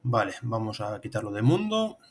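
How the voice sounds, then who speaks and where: A Spanish-accented man from Spain, in his thirties, teaches programming by narrating each step over a screen demo. He has a lowish, sing-song voice at a moderate pace, and there's slight background noise.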